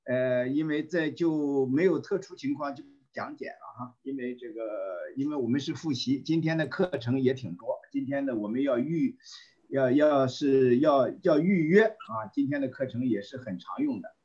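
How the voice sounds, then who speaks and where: This volunteer English teacher speaks to his class through an online call, slowly reading out phrases and saying them again, with frequent fillers and clearing of his throat. He has a warm, medium-pitched voice, and the audio sounds dull.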